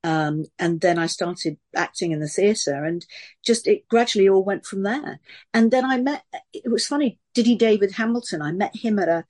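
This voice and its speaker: A woman from Sunderland with a posh southern English accent, an actress telling lively stories in a casual interview. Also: mid-range voice. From Sunderland, England. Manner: lively, animated storytelling with quick voice switches. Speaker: actress and voice artist.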